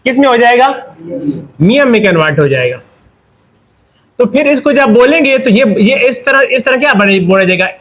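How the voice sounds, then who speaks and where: A man with a Pakistani Urdu accent teaching a Korean pronunciation lesson. He asks questions, answers them himself, and slows down to spell out the example words. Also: very high-pitched, animated, a bit bright. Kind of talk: classroom lesson explanation.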